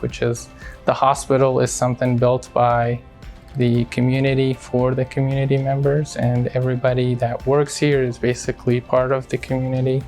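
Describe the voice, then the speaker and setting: A Syrian cardiologist speaks in a hospital profile interview, his manner measured and halting with many fillers. His voice is medium-pitched and a little mellow.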